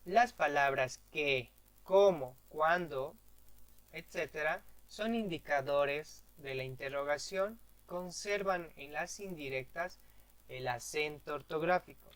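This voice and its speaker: A man giving a grammar lesson, reading out definitions and example sentences slowly and deliberately. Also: on the high side, fairly bright tone, no echo, poor audio. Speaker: teacher.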